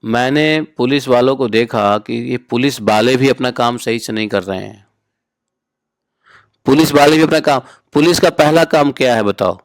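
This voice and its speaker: A man's voice: mid-range voice, dry recording. A man as spiritual teacher giving a conversational scripture discourse, often asking listeners rhetorical questions and telling informal stories. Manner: informal, storytelling asides.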